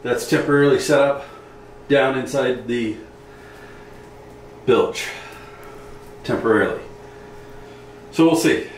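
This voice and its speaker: A man's voice: mid-range voice, takes it slowly, pauses often, reverberant, recorded from a distance, slight background noise, poor audio. A man working on his sailboat's refit, explaining the plumbing and wiring step by step in a matter-of-fact way. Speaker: boat owner doing refit work. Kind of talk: casual explaining while working. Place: inside a boat under refit.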